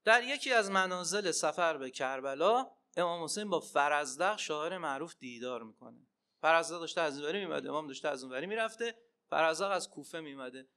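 A man preaching a religious sermon and telling stories, swinging between loud emphatic cries and hushed asides. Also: on the high side, lively intonation, clear, resonant tone. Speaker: preacher and Arabic teacher.

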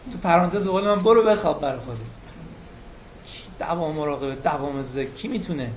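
Delivering a lively religious lecture, a high-voiced male preacher slows his pace and stretches important words to stress them. Behind him is a faint hum of room noise on a dull, lo-fi recording.

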